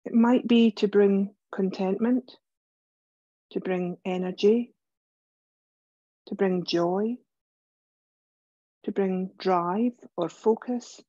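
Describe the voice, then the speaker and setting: A yoga teacher guides a relaxation meditation in a gentle, soothing, medium-pitched voice, speaking in measured phrases broken by pauses. The recording has no echo but sounds muffled.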